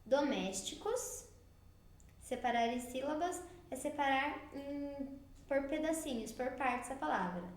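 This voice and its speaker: A woman from Brazil teaching a recorded remote class for young children, explaining worksheet tasks slowly and patiently, step by step. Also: sits high, animated, reverberant, slight background noise.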